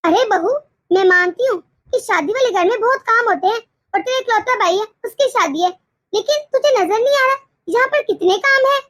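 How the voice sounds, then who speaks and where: A woman's voice: extremely high pitch, expressive, fairly quick, a bit bright, no echo, clean studio sound. A woman voicing a bossy, controlling middle-aged mother-in-law in a cartoon, with a grumbling, scolding manner. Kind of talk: cartoon voice acting.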